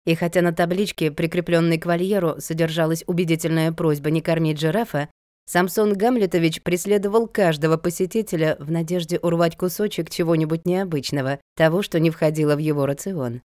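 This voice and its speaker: A woman narrating a novel as an audiobook, in an even, measured storytelling manner. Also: deep voice, no echo, studio quality.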